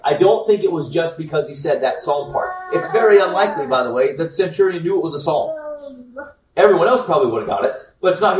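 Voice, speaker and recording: A man's voice: fairly high pitch, recorded from a distance, noisy background. Man teaching scripture in an echoey room. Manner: informal, joking, checks in with frequent "okay?". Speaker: Bible teacher. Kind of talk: conversational Bible teaching to a group. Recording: echoey room, speaker away from the mic.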